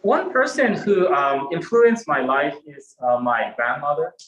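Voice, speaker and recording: A man, a Buddhist minister giving a gentle, reflective dharma talk in a temple hall. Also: a little high, big pitch swings, unhurried, dull audio. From Japan. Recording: roomy temple hall echo.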